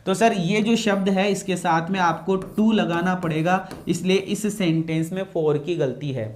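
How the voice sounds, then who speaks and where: A man's voice: high voice, measured pace, slight background noise. A man teaching English grammar in a classroom lecture, repeating key phrases and quizzing his students.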